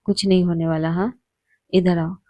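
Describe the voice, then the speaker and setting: A woman storyteller voicing a fierce, hot-tempered young woman who turns soft and tender with the one she loves. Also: fairly low pitch, fairly even intonation, normal speed, no echo, lightly acted. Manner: angry outbursts, soft and tender with her partner.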